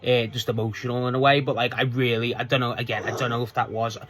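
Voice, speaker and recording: A man's voice: medium pitch, level tone, quick pace, a bit bright, a little hiss or hum. A man casually reviewing a wrestling show, chatty and swearing freely as he retells scenes.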